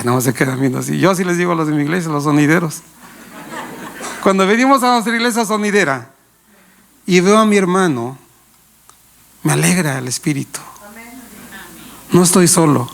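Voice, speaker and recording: High-voiced lively male pastor preaching. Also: gravelly. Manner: lively preaching with rhetorical questions to the congregation; playful, laughs while telling anecdotes. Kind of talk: sermon.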